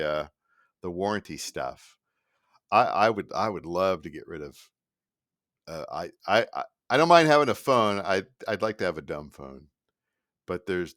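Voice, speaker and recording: On his solo podcast, a middle-aged host with a Midwestern accent delivers a sarcastic, rambling rant, animated and full of self-interruptions and restarts. His voice is lowish, and the studio sound is clean with no echo.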